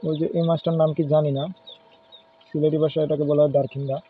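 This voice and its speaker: A man gives a casual home video tour of his fish tank, pointing out and naming each fish as he goes. He talks fast in a fairly high, flat voice, and the audio is lo-fi and phone-like with faint noise.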